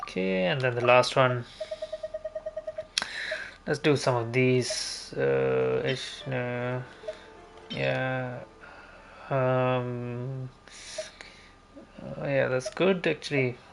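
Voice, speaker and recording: Muttering over music as he plays, a gaming streamer gives casual commentary sprinkled with mild swearing. His creaky, mid-range voice is very slow with fairly even intonation and frequent pauses, and there's background noise.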